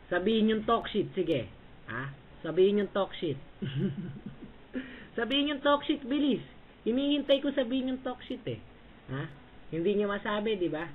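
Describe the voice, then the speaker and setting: A man trash-talking rivals in an online voice chat room, mocking them and barking short orders. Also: high voice. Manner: taunting and bossy, repeatedly barking short orders and "ha?". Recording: tinny voice-chat line with faint hiss.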